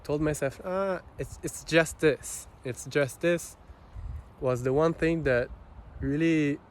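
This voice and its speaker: With an Israeli accent and Hebrew as his first language, a male vlogger talks unscripted about personal matters, slow, halting and reflective with long gaps. His voice is on the high side, over noticeable background noise.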